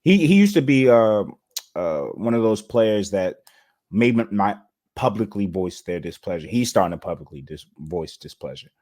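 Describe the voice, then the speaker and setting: A man with a lowish voice chatting sports with friends. He speaks emphatically, pressing his points. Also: very animated, normal speed, a little mellow. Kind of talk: casual sports talk.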